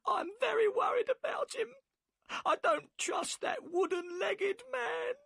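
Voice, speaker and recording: A man's voice: extremely high pitch, slow, gravelly, fairly bright tone, no echo, voice pushed up, heavily acted. A man voicing a worried, tearful middle-aged wife of a boatman, who answers deferentially and keeps calling him sir. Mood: weeping. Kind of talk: audiobook character voice.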